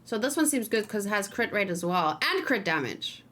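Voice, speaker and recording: Speaking at normal speed in a very animated, fairly bright mid-range voice, a woman hosts a game stream. She chats casually and thinks aloud, frequently muttering to herself. The recording is noisy, with keyboard typing, mouse clicks, and background noise.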